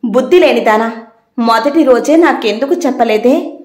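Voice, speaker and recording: A woman voicing a caring but quick-tempered housewife who scolds and questions sharply. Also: fairly high pitch, a little mellow, reverberant, close to an everyday voice. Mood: scolding.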